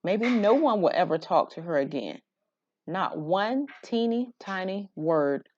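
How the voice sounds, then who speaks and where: A woman reads a children's picture book aloud, telling the story expressively in an unhurried, mid-range voice. The sound is lo-fi.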